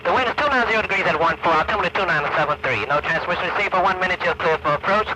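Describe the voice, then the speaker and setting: A man's voice: high voice, racing, pushed and bright. A man working as an air traffic controller, giving formal procedural instructions over a military aircraft radio. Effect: military aircraft radio transmission. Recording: noisy 1960s air traffic radio recording. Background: radio and aircraft noise.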